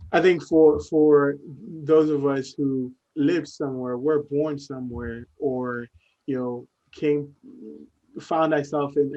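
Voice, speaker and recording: Guy from ghana talking slow and thoughtful, lots of ums, mid pitch voice. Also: mellow, muffled recording. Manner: measured, many fillers and restarts. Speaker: guest, company founder. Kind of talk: interview conversation.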